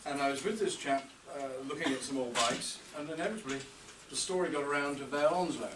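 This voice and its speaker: This older man's voice is a little high and fast as he offers an after-dinner birthday tribute, spinning anecdotes with dry humour in a storytelling rhythm. It was recorded from a distance in a roomy, noisy hotel reception room.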